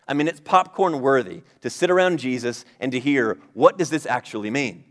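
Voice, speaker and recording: A man's voice: medium pitch, normal speed. A man, a pastor, preaching a sermon in a conversational style, rising emphatically at key points.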